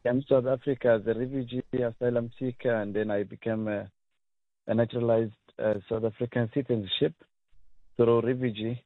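A man's voice: mid-range voice, level tone, a little fast, no room sound. A man from Somalia, calling a radio show and speaking earnestly and plainly. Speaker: caller. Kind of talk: radio call-in. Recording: tinny phone line.

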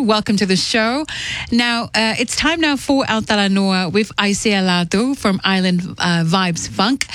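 Radio host, woman, relaxed delivery, dry close studio sound. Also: mid-range voice, dry recording. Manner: relaxed, with many fillers. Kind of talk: radio chat show hosting.

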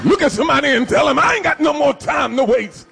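A pastor with a very high, expressive voice and vocal fry preaches a fiery sermon at a fast clip over music. He exhorts his congregation with commands and repeated refrains in a shouted call-and-response style.

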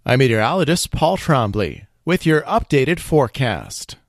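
A man reads a radio weather forecast as the meteorologist. His medium-pitched delivery is very animated, and the sound is close and dry. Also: normal speed, no echo, soft background music.

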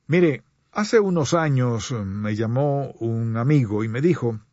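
A man preaching a sermon to radio listeners, earnest and pleading, with slow deliberate pauses. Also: medium pitch, expressive, a little mellow, no echo, lo-fi sound.

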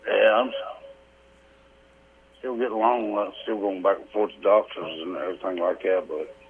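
A man's voice: on the low side, fairly even intonation, moderate pace, slight background noise. A man calling in to an AM radio show, chatting in an easygoing, folksy way over a phone line. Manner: folksy, easygoing plain talk. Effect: AM radio call-in sound over a phone line. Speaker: radio call-in caller. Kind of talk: casual chat.

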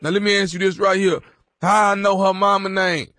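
A man's voice: high voice, little pitch movement, fairly quick, background noise, natural voice. A man voicing an agitated, insistent prison inmate making a prank payphone call, repeating himself as he pleads his case. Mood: confrontational. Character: agitated male prison inmate calling about his old girlfriend.

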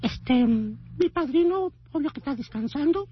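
A man's voice: extremely high pitch, lively intonation, a little slow. A Mexican man leaving a comedic voice message for a radio show, talking in a theatrical, boastful, sing-song way. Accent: Mexican Spanish. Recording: dull radio-broadcast sound.

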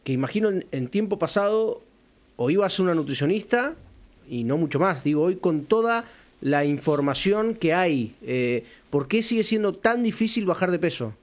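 A man's voice: sits high, lively intonation, moderate pace. A man, a radio host, asking formal questions with many hesitant "eh"s.

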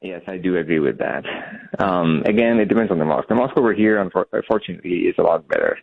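A man from Bangladesh calling in to a radio show, speaking in a measured, reflective way with many fillers. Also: sits low, animated, vocal fry, no echo. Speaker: caller. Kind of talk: phone-in call. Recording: tinny phone line.

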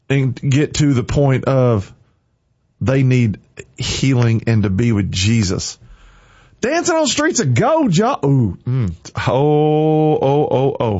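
A husky, somewhat mellow mid-range male voice with no echo comes from a morning radio host. Fervent and preachy, he keeps repeating short commands, and the studio sound is dry, close and a bit muffled.

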